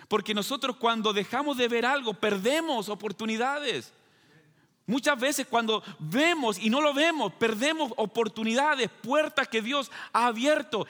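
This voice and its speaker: A man's voice: very high-pitched, bright, forceful tone, big-room sound. A man preaching a sermon, explaining simply and often asking his listeners rhetorical questions. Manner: asks the listeners rhetorical questions, adds "¿verdad?"; explains in plain terms with everyday examples.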